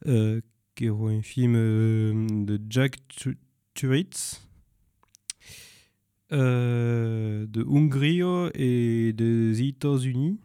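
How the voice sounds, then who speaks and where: A man recommending films in a second language, halting and searching for words as he goes. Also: mid-range voice, fairly even intonation, mellow, clear, resonant tone, no echo, studio quality. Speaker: film presenter. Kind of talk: informal spoken film recommendations.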